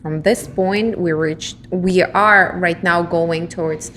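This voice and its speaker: A woman's voice: fairly low pitch, slow, a little hiss or hum. Chatty woman co-hosting a podcast. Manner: animated storytelling with many fillers. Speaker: podcast co-host. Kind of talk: casual chat.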